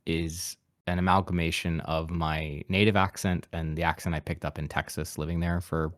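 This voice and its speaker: A voice actor from Appalachia with a mid-Atlantic American accent appears as a podcast guest, reflecting casually in an interview and laughing at himself easily. His low voice has a level tone, a fairly bright quality and normal speed, in a dry, studio-quality recording.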